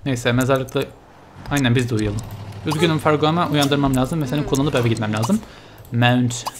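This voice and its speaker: A man commentating his life-sim game, excitable and tired, with sudden gasps and jumps in pitch. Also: moderate pace, crowd noise. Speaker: gaming YouTuber. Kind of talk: Let's Play commentary.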